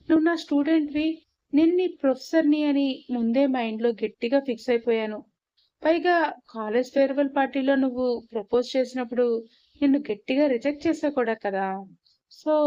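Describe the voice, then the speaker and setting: A woman's voice: high voice, warm tone, dry recording, dull audio, natural voice. A woman playing a proud young professor husband. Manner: scolding, then tender pleading.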